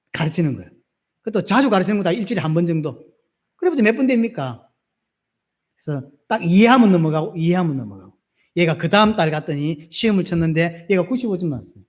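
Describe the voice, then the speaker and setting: A middle-aged male pastor with a Gyeongsang Korean accent preaches a sermon in a high, strongly swinging voice. He throws questions out to the congregation and answers them himself with animated emphasis.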